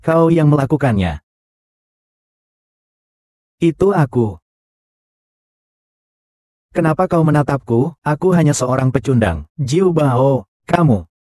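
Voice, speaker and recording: A man voicing all the roles of a dubbed short drama in the same flat, even delivery, recorded close on a studio mic. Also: on the high side, slow pace, pauses often, no room sound.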